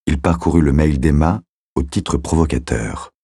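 A man narrating an audiobook in a measured, steady storytelling manner on a close studio mic. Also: very deep voice, breathy edge, dry recording. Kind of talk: scripted narration.

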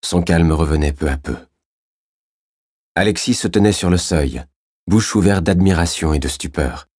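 Measured male storyteller with a very deep, husky voice and a dry, close sound. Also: darkish tone, no echo. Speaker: audiobook narrator. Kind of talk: scripted narration.

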